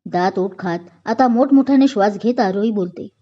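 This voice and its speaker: A woman's voice: medium pitch, normal speed. A woman storyteller narrating a dramatic story expressively, in a dull lo-fi recording. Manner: expressive, acts out the dialogue.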